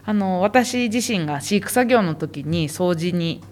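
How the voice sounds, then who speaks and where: A woman's voice: on the low side, expressive, unhurried, a little mellow. A woman who works as a zoo animal specialist, explaining animal behavior patiently and in detail for a podcast interview.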